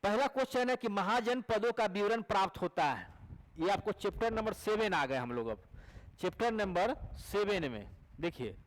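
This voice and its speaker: A man's voice: sits high, lively intonation, normal speed, rough recording. A male teacher with a Bihari Hindi accent, giving an exam prep lecture and repeating each question and answer back to his students. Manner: coaxing, asks rhetorical questions to check recall.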